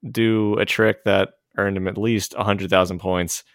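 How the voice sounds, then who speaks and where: A man with a fairly low voice, recounting stories in a relaxed podcast chat. He sounds animated and easygoing as he explains. The recording is close and dry. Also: unhurried, creaky, no echo. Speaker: podcast co-host. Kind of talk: casual chat.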